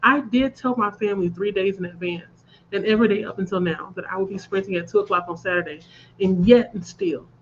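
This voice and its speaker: Hosting a reading livestream from home, a woman congested with a cold chats casually and laughs at her own jokes. Her mid-range voice moves briskly, and the dull audio carries slight background noise.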